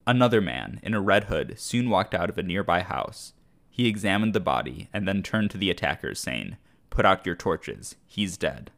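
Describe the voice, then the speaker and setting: A man hosting a history podcast, telling the story in a measured, scripted narration. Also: deep voice, very animated, creaky. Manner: measured storytelling, briefly acting out shouted quotes.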